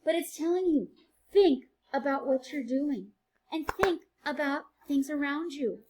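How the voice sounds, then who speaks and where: A woman teacher reads a picture book aloud to children in a high, unhurried voice, playful and sing-song, breaking off for quieter chatty asides. The audio quality is poor.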